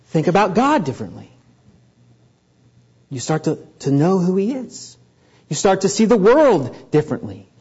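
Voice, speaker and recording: A man preaching a sermon to a congregation, earnest and building up in pitch and volume to stress his points. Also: darkish tone, slightly rough, lo-fi sound. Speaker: pastor.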